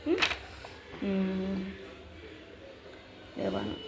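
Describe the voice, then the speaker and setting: A woman teacher explaining methods for teaching young children, speaking slowly and repetitively, spelling words out letter by letter with many drawn-out "aa" fillers. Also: medium pitch, huge pitch swings, creaky, music in the background. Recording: echoey room with faint ambient noise.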